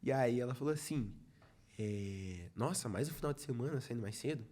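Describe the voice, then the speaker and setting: A man's voice: medium pitch, lively intonation, moderate pace, mellow. Brazilian man telling a testimony. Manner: storytelling, acts out quoted dialogue, many "falei assim" asides. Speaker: podcast guest, youth ministry leader. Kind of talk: casual testimony in a podcast chat.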